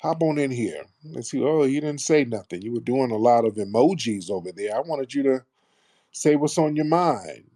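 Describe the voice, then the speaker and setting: A man's voice: medium pitch, expressive, normal speed, mellow, no echo, studio quality. An American man hosting a casual call-in debate, assertive and probing as he talks. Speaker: host of a live call-in talk show.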